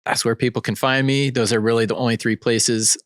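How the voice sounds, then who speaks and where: A man's voice: medium pitch, fairly even intonation, a little fast, no echo, studio quality. A man from Washington state chatting as a podcast guest, laid-back and given to repeating words. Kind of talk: casual chat.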